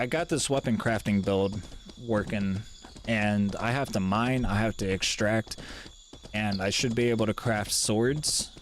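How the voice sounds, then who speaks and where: A man's voice: lowish voice, a little hiss or hum. A man streaming a game live, talking in a laid-back, rambling way and swearing casually.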